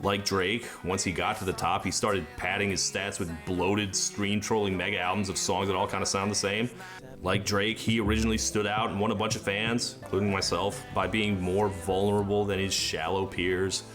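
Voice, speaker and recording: A man's voice: low voice, little pitch movement, normal speed. A man giving a scripted music review in a dry, sarcastic way, with music playing underneath. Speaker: music critic.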